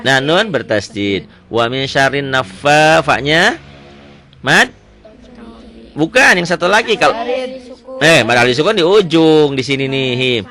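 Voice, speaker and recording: A man teaching Quran recitation rules one-on-one, quizzing his student with quick repeated questions. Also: on the high side, very animated, bright, forceful tone. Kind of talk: one-on-one tajwid lesson.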